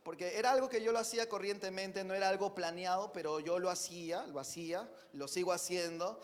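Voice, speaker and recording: A man from Peru preaching a sermon, earnest, moving between emphatic declarations and quiet reflective asides, with many rhetorical questions to his listeners. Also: high voice, brisk.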